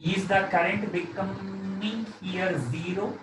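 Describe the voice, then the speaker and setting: A man's voice: sits high, steady tone, slow. Male teacher, South Indian accent, live lesson delivery with repeated phrases; roomy, noisy recording. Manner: repeats phrases, often tags with "okay". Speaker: physics teacher. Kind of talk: live lesson, working through problems and questioning a student. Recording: roomy echo, distant mic, noisy background.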